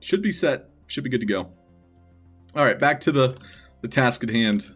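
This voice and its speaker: A man's voice: mid-range voice, expressive, normal speed, a bit bright, slightly rough, soft background music. A man hosting a live stream, chatting casually with his viewers.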